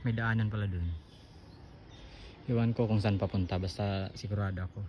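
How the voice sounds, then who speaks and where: A man's voice: on the low side, fairly even intonation, a little fast, muffled recording, slight background noise. A man, out of breath, chatting casually to viewers as he explores a hillside trail outdoors on a handheld camera. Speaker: vlogger. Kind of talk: casual running vlog narration.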